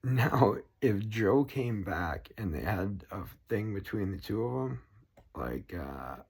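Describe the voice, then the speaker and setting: A man with a lowish, husky, darkish voice speaks slowly and expressively in a Boston accent. He's a political vlogger delivering a long, rambling rant to camera, swearing constantly.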